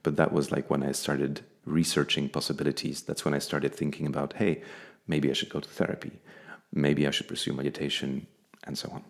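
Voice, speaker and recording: A man's voice: rumbling low, flat delivery. A man from Belgium, speaking candidly and thoughtfully as an interview guest. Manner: thoughtful, candid, slow and measured. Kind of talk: reflective personal interview.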